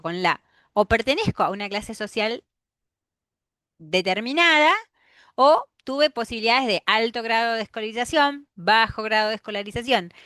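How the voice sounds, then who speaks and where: A woman teacher with a Rioplatense Spanish accent lecturing a class, explaining step by step, often checking in with a quick "¿sí?" and sounding out example pronunciations. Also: a little high, fairly bright tone, dry recording, clean studio sound. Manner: demonstrates pronunciations aloud.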